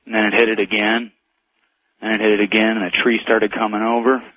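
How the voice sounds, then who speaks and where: Male radio show caller, lowish voice, halting plain telling, dry tinny phone-line sound. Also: little pitch movement. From United States. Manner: halting, plain storytelling with pauses. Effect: phone line call-in audio. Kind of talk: telling an eerie personal encounter.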